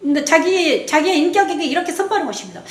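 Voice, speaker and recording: A woman's voice: very high voice, very animated, fast talker. A woman pastor preaching a sermon, often turning to her listeners for agreement. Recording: echoey room.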